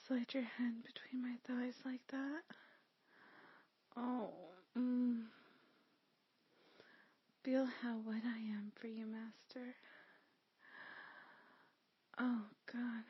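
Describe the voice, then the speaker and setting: A woman voicing an eager, shy younger sister, whispering slowly and pleadingly. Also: on the high side, dry recording, dull audio, heavily acted. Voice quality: breathy whisper.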